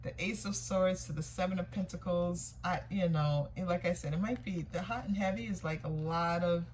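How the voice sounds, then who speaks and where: This tarot reader has a fairly low, darkish voice and a moderate pace. Her reading is casual and intuitive, full of thinking aloud, repetition, and questions about what she's seeing, set against clear background noise and room ambience.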